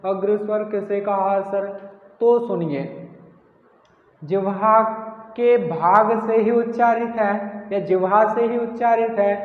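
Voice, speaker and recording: A man's voice: high voice, slow pace. A man teaching a grammar lesson, asking the class questions and answering them himself, repeating key words. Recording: echoey hall, tinny phone-like sound.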